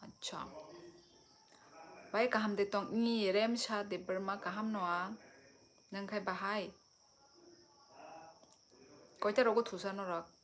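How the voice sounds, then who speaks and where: A woman's voice: medium pitch, steady tone, unhurried, long pauses, a bit bright, a little hiss or hum. A young woman from Tripura hosting a casual live stream, chatting with viewers and answering their comments.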